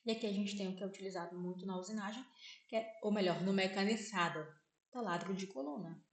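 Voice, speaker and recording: Recorded in an echoey room, this Brazilian woman speaks at a medium pitch with a Brazilian Portuguese accent. She's a vlogger giving a relaxed vocabulary lesson, repeating words slowly and often asking "né?" to check understanding.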